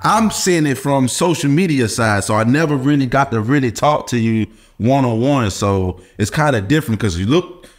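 A man's voice: medium pitch, lively intonation, moderate pace. A man talking as a podcast guest in casual chat, with a laid-back, informal manner.

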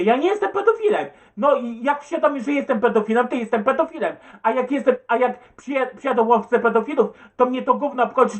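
A man who answers viewer comments in an agitated, stumbling rant, swearing and repeating himself. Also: extremely high pitch. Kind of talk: rambling webcam rant.

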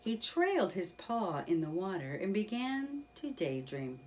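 A woman reading a children's storybook aloud in a slow, expressive storytelling voice. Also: mid-range voice, distant mic, a little hiss or hum. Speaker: children's book reader. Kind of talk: storybook read-aloud narration.

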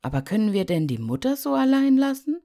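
A woman voicing a brave, eager young boy in a fairy tale, speaking brightly and urgently. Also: fairly low pitch, big pitch swings, normal speed, gravelly, heavily acted.

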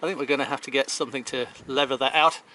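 Rapid-fire and sharp yet steady, a medium-pitched man narrates his boat maintenance vlog over a little hiss or hum from his handheld action camera. Moving between the sailboat and its hull in a boatyard, the sailing vlogger explains each job step by step in a chatty, matter-of-fact way.

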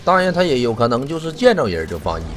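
A man's voice: medium pitch, fast, music in the background. A man giving live commentary on his own game, cursing and joking wryly as he plays. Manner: animated, cursing, wry running commentary. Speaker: game streamer.

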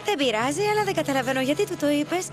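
A woman's voice: high-pitched, expressive, music in the background. A woman dubbing a polite, cheerful young waitress in a TV drama. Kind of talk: dubbed teen TV drama. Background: background score.

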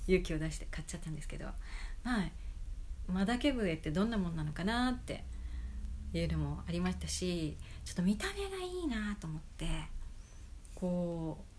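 A woman flute player chatting casually to the camera about her bamboo flutes, with many fillers and soft, half-whispered asides. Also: lowish voice, slight background noise.

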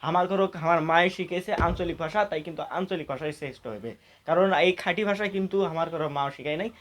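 A man's voice: a little high, fast talker, a bit bright. A man from Bangladesh, giving a folksy, blunt debate speech. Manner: folksy and blunt, arguing for dialect.

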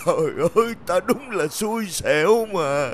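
A man's voice: high voice, animated, unhurried, slight background noise. A frail, hungry old man. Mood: pitiful. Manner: weak, pitiful pleading. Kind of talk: cartoon dub acting.

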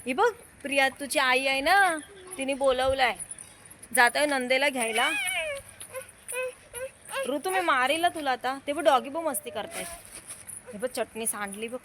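A young woman talks into her handheld phone on city streets at night, her voice high and bright. She chats casually to viewers in between coaxing and scolding her small child. Faint noise sits under the recording. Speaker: vlogger and mother.

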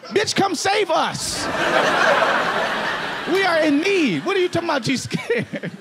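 A young man doing a stand-up set on a comedy club stage, talking loud and animated into a handheld mic, swearing freely. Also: extremely high pitch, unhurried, noisy background.

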